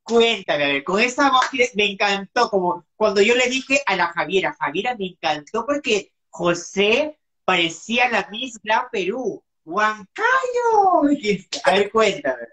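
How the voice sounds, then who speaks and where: A woman's voice: medium pitch, lively intonation, measured pace, hardly any pauses, a bit bright. Woman, live-stream host, teasing, dramatic, laughs easily, video call sound. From Peru. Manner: giggly, teasing, dramatic exclamations. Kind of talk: casual live-stream interview.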